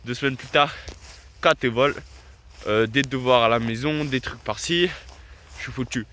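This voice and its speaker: Talking to his audience in a casual vlog, a young man in his late teens laughs a lot and teases himself. He speaks at a normal pace with a medium-pitched voice that sounds pushed and bright, over slight background noise.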